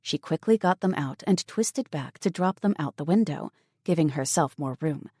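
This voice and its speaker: Low, mellow woman narrating a novel. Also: animated, moderate pace, husky, dry recording, clean studio sound. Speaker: audiobook narrator. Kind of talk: scripted narration.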